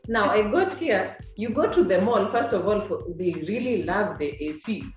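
A woman from Kenya with a Kenyan accent, chatting as an interview guest and telling stories in a casual, animated way. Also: medium pitch, normal speed. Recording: echoey room with music underneath.

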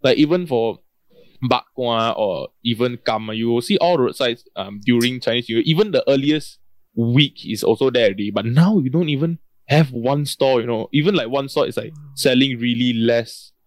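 A man's voice: mid-range voice, expressive, normal speed, no room sound. A man with a Malaysian English accent chatting casually in colloquial Singlish style, peppered with lah, man and bro. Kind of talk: casual chat.

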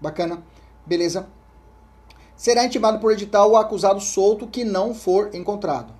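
Brisk and a little mellow, a Brazilian Portuguese-accented man delivers an exam-prep law lecture. Reading statutes aloud and repeating key points, he checks in with his listeners constantly and often trails into a soft, low murmur.

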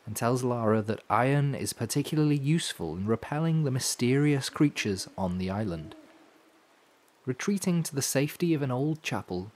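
A man hosting a podcast with scripted storytelling narration, in measured, dramatic phrasing with dry asides. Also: fairly low pitch, slight background noise. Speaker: podcast host. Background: music.

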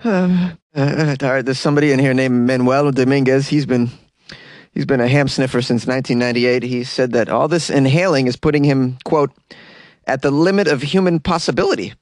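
A man's voice: medium pitch, a little fast, darkish tone, no echo, clean studio sound. A man hosting a comedy podcast, casually reading out odd news in a wry, mock-earnest way with rambling asides.

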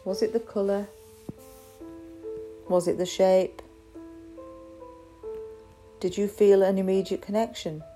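A woman guiding a crystal meditation in a slow, soft, soothing way. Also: mid-range voice, steady tone, soft background music. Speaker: meditation guide.

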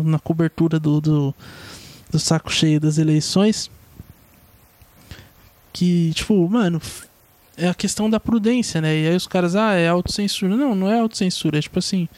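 A man's voice: high voice, a little mellow, dry recording. A young man with a Brazilian Portuguese accent giving a rambling, slangy opinion monologue full of swearing.

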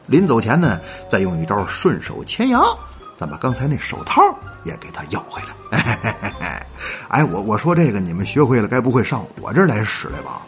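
A man's voice: fairly low pitch, very animated, moderate pace, fairly bright tone, soft background music. A man hosting a comic folk-tale show, chatty and playful, dropping rhythmic verse and asides to listeners. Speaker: storyteller host.

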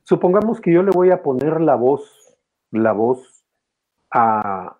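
Animated male voice actor, muffled sound. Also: slow. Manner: animated, explanatory, swings his pitch widely to demonstrate voices. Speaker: voice actor and teacher of voice acting. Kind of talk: interview guest explaining his craft.

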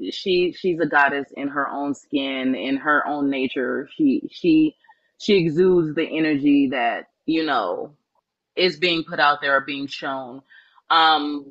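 Earnest woman, bright tone, dull lo-fi sound. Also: sits low, no room sound. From New Orleans, Louisiana. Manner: earnest, reflective, many ums and restarts. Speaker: spiritual life coach, podcast guest. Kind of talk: personal storytelling in an interview.

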